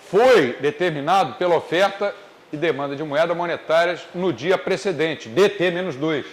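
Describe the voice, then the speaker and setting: A man with a Brazilian Portuguese accent giving a classroom economics lecture, explaining step by step and slowing down on key points. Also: high voice. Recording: echoey classroom, faint noise.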